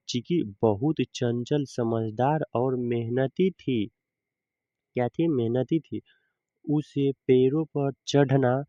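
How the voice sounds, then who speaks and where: A man teaching a reading lesson, slowly explaining each word and answering his own questions. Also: mid-range voice, darkish tone, no echo, muffled recording.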